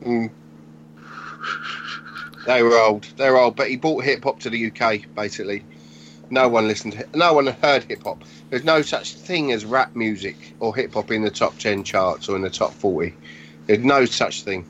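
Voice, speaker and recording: Man in his forties, podcast guest, animated storyteller, casual swearing, dull lo-fi sound. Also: medium pitch, normal speed, slight background noise. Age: 40s. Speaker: podcast guest, graffiti artist.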